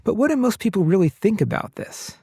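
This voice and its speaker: A man hosting a podcast, reading scripted narration in a measured way. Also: sits high, big pitch swings, dark tone, breathy edge, no room sound, studio quality. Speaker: podcast host.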